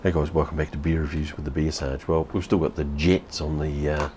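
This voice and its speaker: A New Zealand man in his fifties reviews beer on camera at home, a TV behind him, in a casual vlog. He's blunt, swears, and repeats himself, speaking briskly in a level bass voice over loud music.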